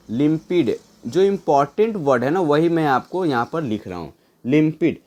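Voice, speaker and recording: A man's voice: fairly high pitch, a little mellow. A man teaching English vocabulary for exams, repeating each word and spelling it out letter by letter, with frequent fillers. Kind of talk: exam-prep lesson in Hindi mixed with English.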